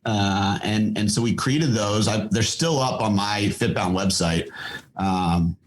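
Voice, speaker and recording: Low-voiced man chatting with many restarts. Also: a little slow, low-quality recording. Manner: thoughtful, lots of fillers and restarts. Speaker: podcast guest, fitness company founder. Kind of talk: casual interview talk.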